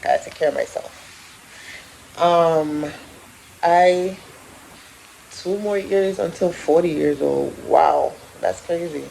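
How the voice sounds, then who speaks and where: A woman's voice: on the low side, takes it slowly, vocal fry, pauses often, slight background noise, low-quality recording. A woman, chatting casually to her viewers at home. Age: 30s. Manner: chatty and animated, laughs often, talks to viewers directly. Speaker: vlogger. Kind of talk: casual vlog chat to camera. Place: at home in an apartment.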